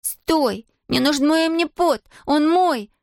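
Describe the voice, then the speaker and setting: A woman voicing a spirited, stubborn nine-year-old girl in an audiobook, with high, indignant outbursts. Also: steady tone, normal speed, a little mellow, dry recording, studio quality, natural voice. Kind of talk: audiobook character voice.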